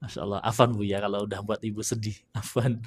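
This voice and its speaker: A man teaching Quran recitation on a live stream, reading out viewer questions and slowly demonstrating letter sounds in a relaxed, chatty way. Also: lowish voice, breathy edge.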